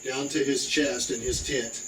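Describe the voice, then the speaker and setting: A man running a tabletop game as game master, describing scenes casually in a halting, improvised way. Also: mid-range voice, fairly even intonation, a bit bright. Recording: echoey room, distant mic, noisy background.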